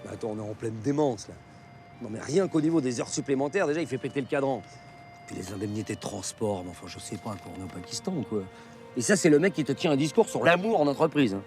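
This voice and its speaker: An actor playing a mischievous middle-aged union delegate in a film comedy, rambling and grumbling with self-importance. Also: male voice, mid-range voice, expressive, quick pace, over music, lightly acted.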